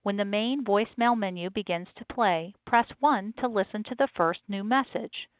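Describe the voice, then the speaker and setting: A woman reading scripted step-by-step instructions in a measured manner, as the narrator of a tutorial. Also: medium pitch. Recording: tinny, phone-like narrow band.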